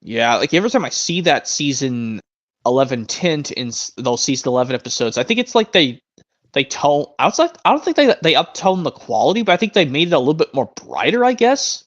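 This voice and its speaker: His pitch runs high with big swings, and he talks fairly quickly. He's a man in his twenties hosting a casual live stream, rambling and repeatedly restarting what he says, captured in muffled lo-fi audio.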